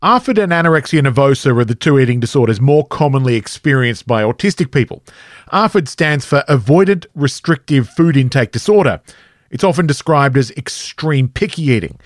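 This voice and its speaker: A male reporter giving clear, scripted narration that explains facts for the audience. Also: medium pitch, lively intonation, fairly quick, dry recording, studio quality.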